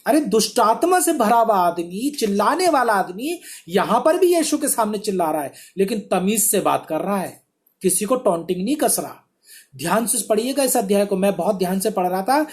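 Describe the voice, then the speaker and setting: A man's voice: sits high, very animated, normal speed. A male pastor preaching a sermon in an emphatic, exhortative way, asking many rhetorical questions.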